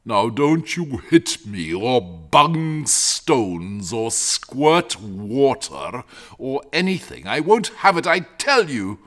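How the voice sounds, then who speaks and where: A man voicing a lazy, genial, talkative male dragon who rambles in fussy, old-fashioned gentlemanly phrases in a storybook reading. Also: mid-range voice, sing-song, takes it slowly, voice pushed up. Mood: fretful.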